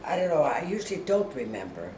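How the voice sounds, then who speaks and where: An older woman talks her way through baking cookies in a homey, chatty way. Her voice moves up and down a lot. She sounds distant in an echoey kitchen, with loud clatter of dishes and pans around her. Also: deep voice, big pitch swings, fast talker, background noise. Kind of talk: casual kitchen chat. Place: home kitchen.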